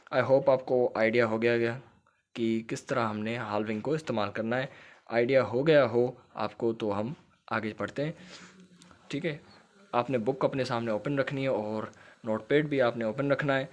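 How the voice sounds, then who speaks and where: A man's voice: mid-range voice, normal speed. Guy with teaching shorthand, patient, repeats stuff and keeps checking you got it. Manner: explains patiently, repeats points and checks understanding. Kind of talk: recorded lecture.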